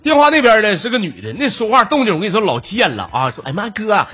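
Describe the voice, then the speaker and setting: A man's voice: sits high, huge pitch swings, fast, bright, forceful tone, breathy edge, soft background music. A man in his thirties with a Northeastern Chinese accent, hosting a comedy podcast and telling jokes in a chatty, laughing way. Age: 30s. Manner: chatty, joking, laughs between lines. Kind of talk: storytelling jokes.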